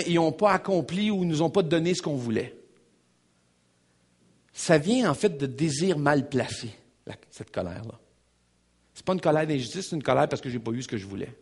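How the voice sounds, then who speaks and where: A man preaching a sermon with a Québécois French accent, emphatic and animated, repeating phrases and addressing the congregation directly. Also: a little high, moderate pace, long pauses. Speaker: pastor.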